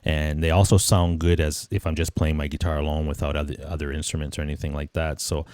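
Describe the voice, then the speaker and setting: A man's voice: a bass voice, level tone, quick pace, a little mellow, dry recording, studio quality. A man nearly fifty hosting a casual live stream, rambling and reflective with lots of restarts and "you know"s. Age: 40s. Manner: reflective and easygoing. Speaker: livestream host.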